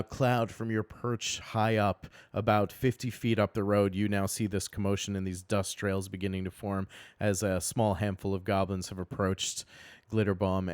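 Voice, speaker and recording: A man narrating a tabletop game as game master, describing scenes in a measured way. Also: on the low side, clean tone, no echo.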